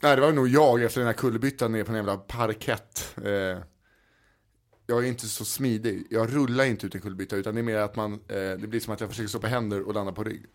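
A man's voice: lowish voice, fairly even intonation. A man co-hosting a casual podcast, a playful storyteller who teases his co-host. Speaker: podcast co-host and comedy club host. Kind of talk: casual chat.

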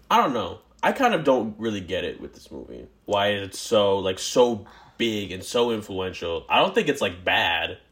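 Low-pitched man, podcast co-host, wry running commentary over a movie watch-along. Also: a bit bright. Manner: wry, narrates what happens on screen.

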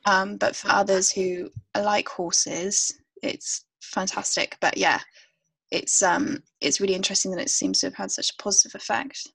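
A woman co-hosting a podcast, chatting and briskly reading out a news item. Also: medium pitch, little pitch movement, gravelly, fairly bright tone, breathy edge, no room sound. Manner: brisk, reads out news items. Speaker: podcast co-host. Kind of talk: casual chat and news reading.

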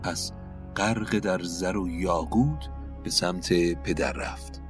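A man narrating an epic tale in a steady, expressive reading. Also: low-pitched, soft background music. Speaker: storyteller.

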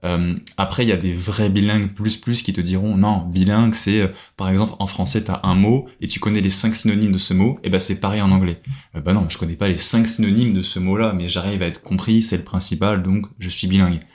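A man's voice: low voice, steady tone, fast, darkish tone. A young man from France, a podcast guest chatting casually, hesitant with many fillers and restarts. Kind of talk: casual interview chat.

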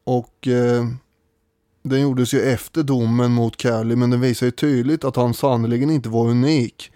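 A man co-hosts a casual history podcast in a warm, mellow voice. He speaks thoughtfully, stopping often on fillers as he works out his points. The sound is close and dry, with no room around it. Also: medium pitch, fairly even intonation, no echo. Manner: thoughtful, hesitant with many fillers. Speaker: podcast co-host.

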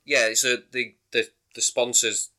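A man co-hosting a casual sports podcast, chatty and quick to laugh. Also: mid-range voice, little pitch movement, sharp tone. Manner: chatty, laughs readily, trails off mid-sentence. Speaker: podcast co-host. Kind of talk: casual chat.

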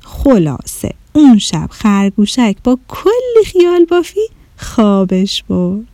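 Lively woman reading a children's story. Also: a little high, no room sound. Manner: expressive, gentle. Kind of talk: storybook narration.

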